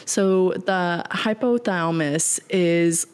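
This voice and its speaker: A woman's voice: on the low side, takes it slowly, smooth. A woman podcast host explaining how the body regulates weight, step by step, who trips over long words and laughs it off. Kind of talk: casual explanatory podcast talk.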